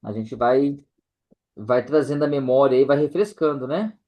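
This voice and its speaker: A man's voice: medium pitch, normal speed, muffled recording. A man teaches a casual lesson to a church group, tagging nearly every phrase with "né?".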